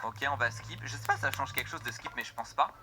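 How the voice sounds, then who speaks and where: A young man giving casual, excitable gameplay commentary, joking with his viewers. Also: medium pitch, fast, background noise. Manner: excitable, jokey, addresses viewers as "les gars". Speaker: gaming video creator.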